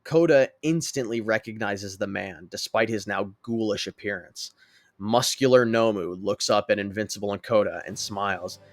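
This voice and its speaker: A man narrating a fan story in a dramatic, lively way. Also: on the low side, normal speed, dry recording.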